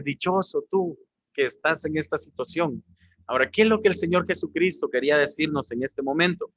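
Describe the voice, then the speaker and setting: A man's voice: on the high side, fairly bright tone, no room sound. A man preaching a sermon as pastor, often calling his listeners brothers. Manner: preaching, addressing the congregation as brothers.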